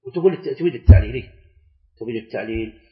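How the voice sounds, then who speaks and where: A middle-aged man, teaching a class, reciting verses slowly and quizzing students with short questions. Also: mid-range voice, expressive. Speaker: Islamic scholar teaching a class. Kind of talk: classroom lecture on Arabic grammar and scripture. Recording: echoey, dull lecture-hall recording.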